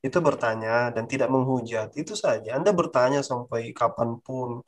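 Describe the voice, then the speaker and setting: A man's voice: mid-range voice, moderate pace. Man, medium voice, firm explainer who repeats key phrases. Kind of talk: explanatory panel discussion.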